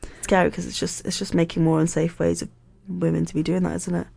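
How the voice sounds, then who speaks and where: A woman's voice: on the low side, level tone, fast talker, gravelly, a little mellow, husky. A young woman co-hosting a casual podcast, chatty and giggly, swearing freely. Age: young adult. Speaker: podcast co-host. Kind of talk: casual chat.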